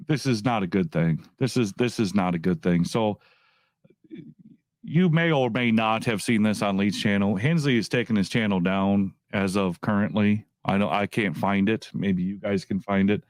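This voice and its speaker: A man's voice: fairly low pitch, normal speed, no echo, studio quality. A man ranting casually to his viewers as a YouTube commentator, profane and repetitive, often restarting his phrases. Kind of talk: casual rant to camera.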